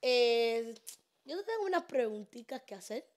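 Brief: young woman, podcast host, high pitch, joking banter, studio mic. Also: sing-song, a little mellow. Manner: playful, joking, quick-talking. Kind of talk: casual chat. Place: small studio room, indoors. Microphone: studio mic on stand.

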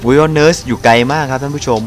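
A young man giving excited let's-play commentary to his viewers. He often shouts and laughs. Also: medium pitch, very fast, faint music behind. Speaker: gaming YouTuber.

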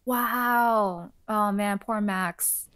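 A woman's voice: medium pitch, very slow, fairly bright tone. A young woman giving casual commentary as she plays a video game. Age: young adult. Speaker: gamer reacting to a playthrough. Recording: game music behind the voice.

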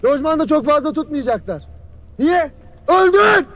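A harsh, scolding army commander. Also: male voice, very high voice, very animated, moderate pace, a bit bright, exaggerated voice. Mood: stern. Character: stern male army commander berating sleepy soldiers. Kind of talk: television drama acting.

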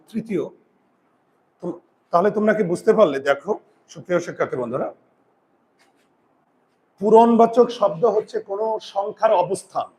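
Man, high voice, grammar teacher, classroom lesson, repeats terms, counts aloud, tells students to write. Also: a little mellow. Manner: repeats key terms slowly and asks students to write them down; counts aloud and asks rhetorical check questions.

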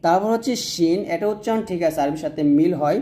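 Bangladeshi lady teaching letter sounds slow and patient, lowish mellow voice. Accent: Bangladeshi Bengali. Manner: patient, repeats each sound slowly. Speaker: Arabic pronunciation teacher. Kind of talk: explaining letter by letter.

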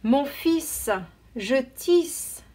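Yatemilou, a woman doing a gentle storybook mother. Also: high voice, animated, very slow, voice pushed up, exaggerated voice. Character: busy, gentle village mother.

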